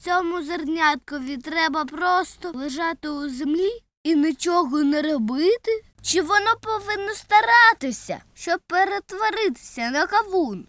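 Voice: very high voice, animated, moderate pace, hardly any pauses, pushed and bright, no room sound, pitched above the performer's own voice, exaggerated voice. A storyteller voicing a curious seven-year-old boy in a children's storybook reading. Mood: wondering.

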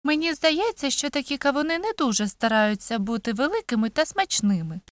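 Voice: high-pitched, big pitch swings, fairly quick, no room sound, voice pushed up. A storyteller voicing a thoughtful young girl in a children's storybook reading. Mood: earnest.

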